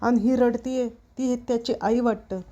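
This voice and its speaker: A woman's voice: fairly high pitch, fairly even intonation, measured pace, mellow, dull audio, lightly acted. A woman voicing a jovial village horseman in a storybook reading, with teasing, rustic banter.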